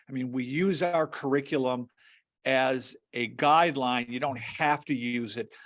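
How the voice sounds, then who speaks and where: A man giving a webinar presentation over a video call, earnest, often repeating words and filling pauses. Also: medium pitch.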